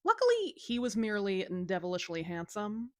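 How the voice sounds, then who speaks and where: Cheeky and informal, a woman acting as storyteller and host delivers a casual scripted retelling of a folktale, her pitch swooping with great liveliness. Her pace is normal. She's miked close, the sound dry with no echo.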